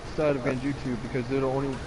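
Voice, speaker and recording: A man casting a live esports match, animated and chatty with lots of filler words. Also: mid-range voice, very fast, crowd noise, poor audio. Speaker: esports caster. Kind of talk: live game commentary. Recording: background noise.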